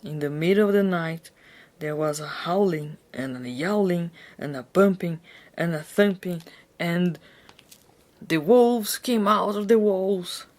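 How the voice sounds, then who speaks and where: Woman, dramatic storybook narration, slightly low pitch, very slow, theatrical, hammy. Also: a little mellow. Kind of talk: dramatic reading of a children's story.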